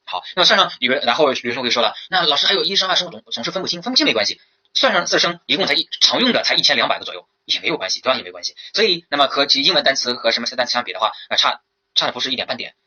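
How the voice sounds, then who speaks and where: Fast, bright-voiced male lecturer. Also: medium pitch, muffled recording. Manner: lively lecturing, many rhetorical questions and fillers. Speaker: Chinese language teacher. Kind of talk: recorded lecture for teacher certification exam.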